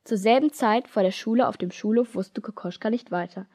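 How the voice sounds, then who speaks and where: Brief: woman from Germany, reads her own kids' story, lively, plays the characters. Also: medium pitch, fairly quick. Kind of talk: reading a children's story aloud.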